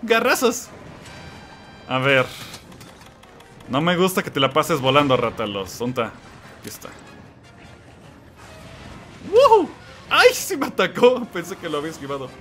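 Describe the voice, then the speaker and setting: Guy streaming a monster game, high bright voice, yells at the monster a lot, faint music behind. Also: very animated, moderate pace, pauses often. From Mexico. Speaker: gamer playing and commenting. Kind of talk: excited let's-play commentary.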